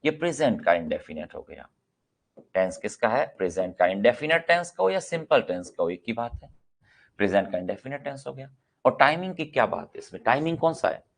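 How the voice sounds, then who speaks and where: A man's voice: mid-range voice, gravelly. A middle-aged man teaching English grammar in a classroom-style lecture. He asks questions and answers them himself, and he repeats example sentences several times for practice.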